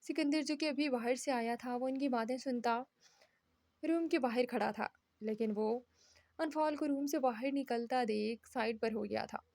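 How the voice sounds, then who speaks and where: A woman reads a romance novel aloud in a steady storytelling manner. Her voice is high. The sound is dry and close. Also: normal speed, no room sound. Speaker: novel narrator.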